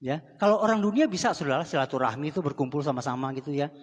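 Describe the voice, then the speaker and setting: Racing along in a fairly high, expressive voice, a pastor delivers a conversational, direct sermon in a church sanctuary. He keeps addressing the congregation as saudara in asides, and the live microphone carries long church-hall reverb.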